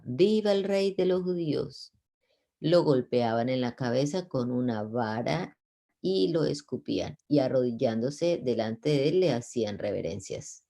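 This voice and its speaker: A man reads scripture aloud in a mellow, gravelly voice. He stumbles over words at times and goes back to correct himself, keeping a plain, unhurried tone. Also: medium pitch. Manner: unpolished reading with slips and self-corrections. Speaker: Bible reader.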